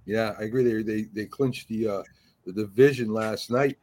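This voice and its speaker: A man hosting a casual sports talk show, speaking in a halting, conversational way and steering the talk. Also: on the low side, a little mellow. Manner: conversational, halting, leads the talk and hands it to others.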